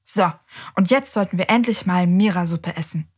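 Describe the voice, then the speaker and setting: A woman's voice: on the low side, moderate pace, a little mellow, slightly rough. A woman hosting a children's show who talks to the kids directly in a cheerful, reassuring way.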